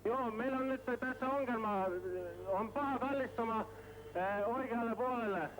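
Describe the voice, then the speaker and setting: A man with Finnish as his native language making a halting distress call over marine radio. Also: very high voice. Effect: marine radio transmission. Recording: noisy, crackling VHF marine radio.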